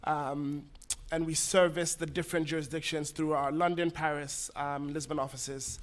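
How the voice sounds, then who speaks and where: A man's voice: a little high, flat delivery, normal speed. A young man from Ghana, introducing himself as a panelist. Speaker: panelist, lawyer.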